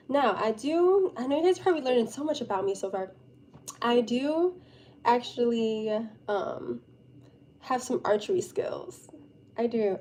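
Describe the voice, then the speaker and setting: Casting: young female live streamer, higher-pitched and soft-edged, giggly casual chat, slight background noise. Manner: giggly, chatty, informal.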